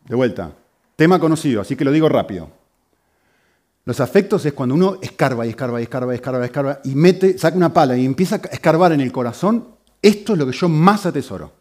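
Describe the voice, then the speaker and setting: Male pastor, lively and animated delivery, slightly higher voice, brisk explanatory teaching tone. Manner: brisk, explanatory, with frequent checking "¿sí?". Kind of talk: sermon teaching.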